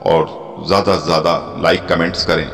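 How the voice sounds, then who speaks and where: A man with a lowish voice narrates a devotional story, his delivery swelling with emotion and stretching into long pauses. A long hall reverb trails his words. Soft music plays underneath throughout. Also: flat delivery. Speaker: religious storyteller.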